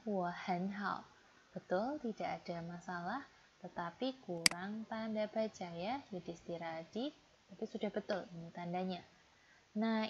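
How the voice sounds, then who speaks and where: A woman, teaching grammar as she patiently corrects student homework and reads example sentences slowly. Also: mid-range voice. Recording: dull lo-fi audio with loud background noise.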